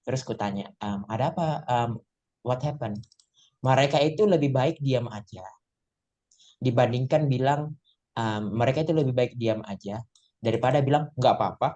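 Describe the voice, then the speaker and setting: A man's voice: mid-range voice, moderate pace, pauses often, mellow. A man with an Indonesian accent teaching English in a casual online lesson, chatty and joking as he mixes two languages.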